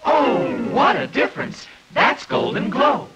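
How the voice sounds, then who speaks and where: High, gushing 1950s TV ad announcer man. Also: a little slow, highs cut off. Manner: sing-song, gushing sales pitch. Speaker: commercial announcer. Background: loud jingle music.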